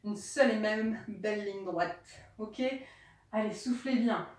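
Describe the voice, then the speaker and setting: A woman's voice: mid-range voice, unhurried, distant mic. Encouraging woman fitness coach, echoey room. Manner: encouraging, counts out loud and cues breathing. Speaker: fitness instructor. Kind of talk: guided home workout coaching.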